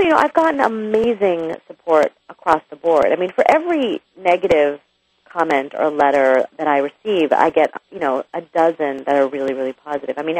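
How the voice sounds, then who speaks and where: A woman's voice: low-pitched, a little mellow, no room sound, poor audio. A woman author guesting on a radio interview, talking candidly and chattily with frequent restarts and asides.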